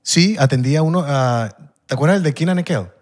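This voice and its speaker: A man from Caracas with a Venezuelan accent, chatting casually on a podcast and telling animated stories with laughs. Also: fairly high pitch, brisk. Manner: animated storyteller, laughs often. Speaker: podcast guest, former bartender.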